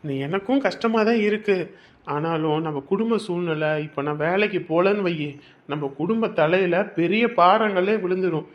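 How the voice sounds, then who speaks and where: A man's voice: high-pitched, normal speed, highs cut off, natural voice. An actor playing a stubborn young husband who lectures his wife and turns harsh, in a family drama. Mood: firm persuading. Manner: lecturing, repeats himself, grows harsh. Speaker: husband leaving home for work. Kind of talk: Tamil family drama acting.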